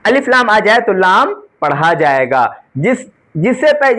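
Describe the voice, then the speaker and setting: A woman teacher giving an exam-prep grammar lesson. She asks the class questions, answers them herself, and keeps checking with a "right?". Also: on the high side. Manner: often adds a checking "right?" tag; spells out letters one by one, slowly.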